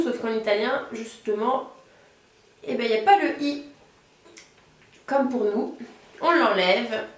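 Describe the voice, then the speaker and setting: A woman teaching a beginner language lesson, patiently explaining and slowing down to model each word. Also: a little high, very echoey, recorded from a distance. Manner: patient explaining, slows down to model Italian words. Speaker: Italian teacher.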